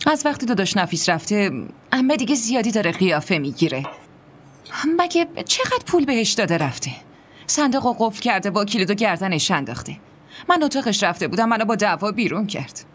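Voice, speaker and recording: A woman dubbing a meek young woman who speaks softly and calms others. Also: mid-range voice, a little hiss or hum, close to an everyday voice. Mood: cautious. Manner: soft, placating. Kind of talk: Persian dubbing of a drama series.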